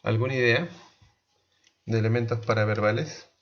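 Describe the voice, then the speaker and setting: A man teaching a class, explaining slowly, asking the students questions and restarting his sentences often. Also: mid-range voice, dull audio. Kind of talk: online class lecture.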